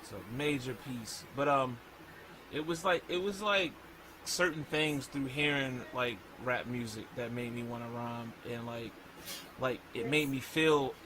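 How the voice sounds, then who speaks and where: A man who raps, talking in a casual interview in an animated, slangy way and reciting lyrics mid-sentence. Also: mid-range voice, measured pace, noisy background. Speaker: rapper.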